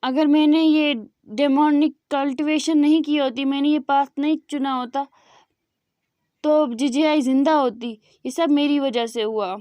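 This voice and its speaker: A woman's voice: sits high, mellow, dry recording. A woman voicing a grief-stricken young man. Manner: pleading, broken speech. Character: grieving young man, guilt-ridden and weeping.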